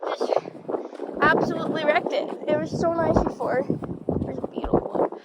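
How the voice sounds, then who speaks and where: A woman's voice: high voice, steady tone, moderate pace. A young woman casually vlogging outdoors in slangy talk, chatting to the camera and to animals, with wind on the mic. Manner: slangy, talks to horses. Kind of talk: casual rambling outdoor vlog to camera and horses. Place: outdoors in a windy horse pasture. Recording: strong wind buffeting the microphone.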